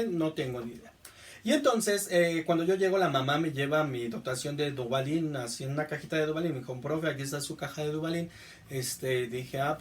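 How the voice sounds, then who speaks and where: A male teacher with a Mexican accent giving a classroom lecture, often checking understanding with a quick question. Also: fairly high pitch, distant mic. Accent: Mexican Spanish. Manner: repeats "¿estamos?" to check understanding.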